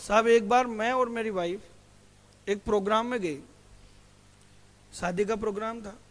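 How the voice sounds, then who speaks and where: High-voiced male teacher in an echoing hall. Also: fairly even intonation, normal speed. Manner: asks students questions and answers them himself; calls students "beta". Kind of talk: classroom lecture. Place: classroom. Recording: hall reverb.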